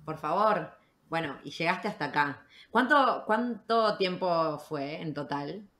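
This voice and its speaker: Woman host, low voice, brief questions, casual interview. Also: expressive, slow pace, fairly bright tone. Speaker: podcast host.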